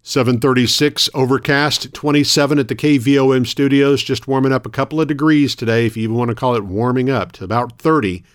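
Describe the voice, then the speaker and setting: A man hosting a local radio morning show, reading news announcements in a measured, orderly way from a studio. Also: mid-range voice, steady tone. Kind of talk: radio news announcing of weather, closings and notices.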